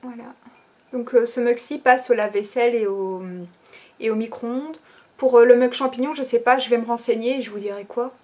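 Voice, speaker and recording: With a slightly high, darkish voice and a steady tone, a woman briskly walks through new products from her online shop. Her style is chatty and casual, full of fillers such as "ben" and "euh" and frequent hesitations.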